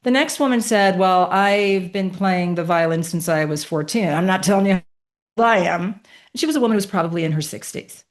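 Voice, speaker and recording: A woman's voice: lowish voice, a little fast. Emphatic woman in her fifties telling stories. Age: 50s. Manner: emphatic, animated storytelling with rhetorical questions. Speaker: guest. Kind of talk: podcast interview storytelling.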